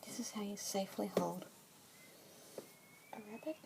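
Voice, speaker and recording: A young Australian woman whispers softly and breathily in an ASMR roleplay, playing a pet adoption specialist and murmuring gentle "mm-hmm" fillers. Her pitch is medium and her pace normal. A close whisper mic picks her up over clear background hiss.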